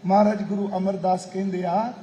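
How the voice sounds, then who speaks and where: A middle-aged man giving a devotional sermon as a Sikh preacher, slow, deliberate and emotive, now and then breaking into intoned recitation. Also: high voice, little pitch movement, warm tone, slight background noise. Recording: echoey hall with long reverb.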